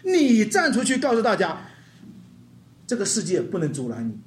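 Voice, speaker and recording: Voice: mid-range voice, wildly swooping pitch, normal speed. A pastor preaching with emphatic rhetorical questions and calls for the congregation to repeat after them. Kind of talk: sermon. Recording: roomy hall sound with faint guitar.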